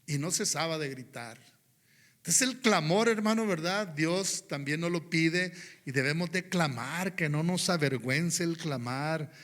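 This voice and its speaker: Preacher guy, bright ringing voice a bit on the high side, goes soft then loud. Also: unhurried. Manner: rhythmic preaching, often inserts "hermano, ¿verdad?" and "Amén"; swings from soft and low to loud, high exclamations. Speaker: pastor. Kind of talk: sermon.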